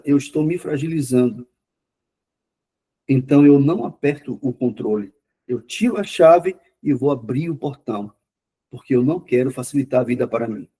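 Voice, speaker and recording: A man giving a classroom lecture on therapy, talking quickly and repeating words for emphasis. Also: mid-range voice, warm tone, slightly rough. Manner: says himself he talks fast. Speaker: lecturer on mental health therapy.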